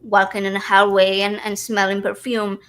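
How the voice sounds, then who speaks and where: A woman's voice: medium pitch, monotone, normal speed, a bit bright, low-quality recording. Chatty woman with many restarts. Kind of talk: casual conversation.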